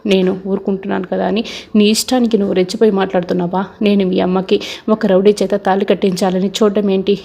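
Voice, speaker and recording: A woman voicing a proud, defiant older man who heads a family, read in an even tone. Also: medium pitch, quick pace, gravelly.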